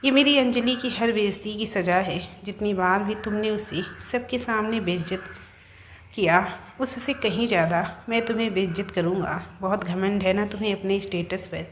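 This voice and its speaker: A woman's voice: medium pitch, normal speed, a little hiss or hum, natural voice. Woman reading as a cruel taunting husband. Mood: menacing. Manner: taunting, threatening. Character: scheming young husband, cruel and mocking.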